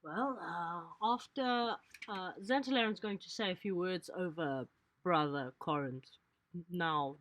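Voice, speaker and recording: A woman playing in a tabletop roleplaying game, describing her character's actions in a halting, measured way. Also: lowish voice, a bit bright. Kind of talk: casual improvised tabletop roleplay.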